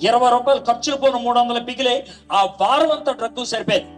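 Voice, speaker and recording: Man, preacher, from Andhra Pradesh, testimony sermon, animated storytelling, faint music underneath. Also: very high-pitched, fast, rough recording. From Andhra Pradesh, India. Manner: animated storytelling, acting out dialogue.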